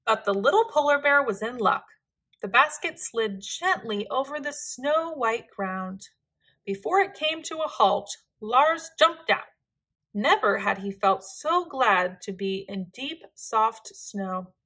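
Slow, bright-voiced woman reading a storybook. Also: a little high, breathy edge. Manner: gentle, expressive narration. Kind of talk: children's picture-book read-aloud.

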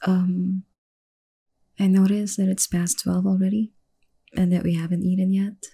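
A young woman speaking softly and gently in a whispered girlfriend role-play, coaxing and caring. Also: medium pitch, little pitch movement, measured pace, vocal fry, slightly rough. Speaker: ASMR role-play performer.

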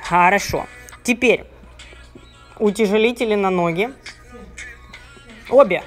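At home in a high-ceilinged, carpeted living room, a woman trainer speaks slowly at medium pitch, counting workout reps and repeating brief words of encouragement. Soft music plays behind her, and her handheld phone mic is sometimes covered by her hand.

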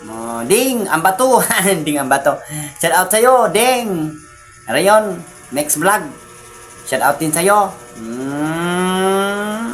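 Brief: woman vlogger, low voice, teasing casual chatter, faint music underneath. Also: a bit bright. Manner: chatty, teasing, giggly asides. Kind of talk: casual vlog chat with shout-outs.

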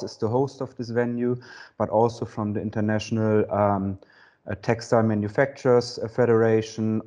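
Man, fairly low voice, enthusiastic, listing items, uh hesitations, video call guest. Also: a little mellow. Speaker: guest, co-founder and CEO.

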